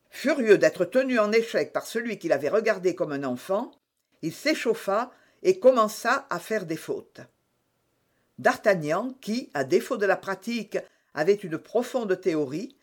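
A man narrating an adventure audiobook with expressive, dramatic storytelling. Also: high-pitched.

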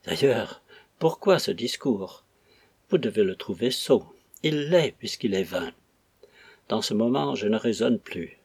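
A man reading a novel aloud, voicing a learned priest who justifies himself in measured, formal speech. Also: on the low side, animated, darkish tone, breathy edge, no room sound, exaggerated voice. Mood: measured justification. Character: learned priest, composed, embarrassed, self-justifying. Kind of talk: audiobook reading.

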